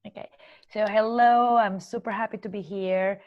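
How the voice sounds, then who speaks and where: A woman from Colombia with a Colombian accent, a corporate trainer and coach answering podcast interview questions earnestly and laying out her ideas in measured steps. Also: medium pitch, fairly even intonation, dry recording, dull audio.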